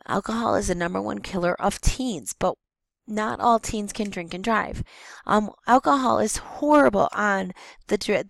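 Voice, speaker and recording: Hoarse lady teacher going over slides, lots of ums, kinda gravelly, dry close mic. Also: mid-range voice, dry recording, low-quality recording. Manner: explanatory, with frequent ums and self-corrections. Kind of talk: recorded classroom lecture over slides.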